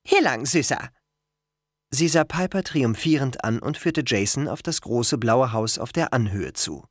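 An audiobook narrator reading a story in a measured, storytelling manner. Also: mid-range voice, expressive, no room sound, studio quality. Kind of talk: scripted narration.

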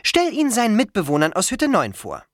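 A reader raising the pitch for a confident teenage girl leader. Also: wildly swooping pitch, a little fast, no room sound, clean studio sound. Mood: firm. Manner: firm, reassuring, takes charge. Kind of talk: audiobook character voice.

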